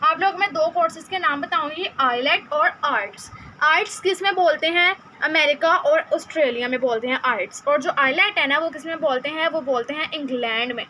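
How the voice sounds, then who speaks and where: High, bright-voiced woman with a Pakistani accent. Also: poor audio. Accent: Pakistani Urdu. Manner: conversational, repeats and drills sounds slowly. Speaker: English tutor. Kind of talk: informal online lesson. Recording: faint background noise.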